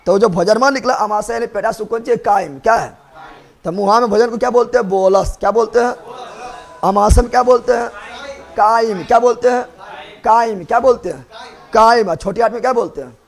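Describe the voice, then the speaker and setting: A man's voice: sits high, brisk, gravelly. A man teaching a biology class, drilling students with repeated questions and playfully scolding them. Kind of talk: classroom lecture.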